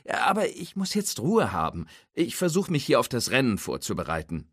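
A man's voice: medium pitch, wildly swooping pitch, brisk, husky, no echo, clean studio sound, pitched above the performer's own voice. Lightning McQueen: a man voicing a cocky young race car. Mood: calmer. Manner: cocky, self-psyching.

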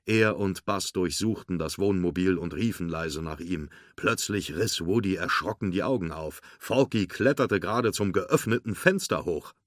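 A man narrating a storybook read-aloud in a steady, clear storytelling manner. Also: low-pitched, normal speed, few pauses, no echo, clean studio sound.

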